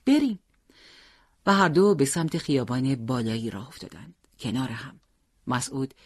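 A narrator reading a story aloud in a measured, expressive way. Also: medium pitch. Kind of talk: scripted audiobook narration.

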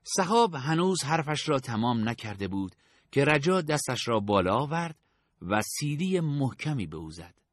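A man reads a story aloud with a steady, even storytelling delivery. His voice sits at a middle pitch, and the recording sounds dry and close, with no room around it. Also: no echo. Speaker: narrator. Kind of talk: audiobook narration.

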